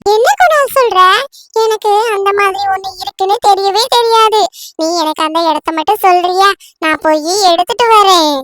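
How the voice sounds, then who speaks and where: A woman voicing a trusting young female sparrow in a cartoon, speaking in a high, slow, childlike way. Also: steady tone, fairly bright tone, soft background music. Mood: cheerful. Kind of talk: cartoon voice acting.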